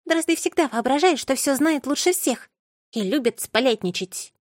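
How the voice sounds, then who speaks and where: A woman voicing an excitable, chirpy male robin bird in an audiobook, in a high, squeaky voice. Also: moderate pace, no echo, clean studio sound. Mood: scoffing. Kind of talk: audiobook character voice.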